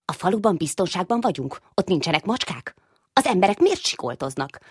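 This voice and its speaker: A woman's voice: fairly low pitch, very animated, slightly rough, no room sound, studio quality, pitched above the performer's own voice, full character voice. A woman voicing a small, chubby, curious boy mouse who keeps asking questions and whines. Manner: whiny, endlessly questioning.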